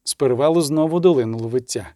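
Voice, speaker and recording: Male narrator, audiobook reading, expressive and even; very dry close recording. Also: medium pitch, rapid-fire, no echo.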